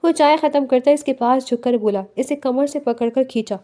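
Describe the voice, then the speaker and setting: Woman narrator, high voice, steady bedtime novel reading. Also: normal speed.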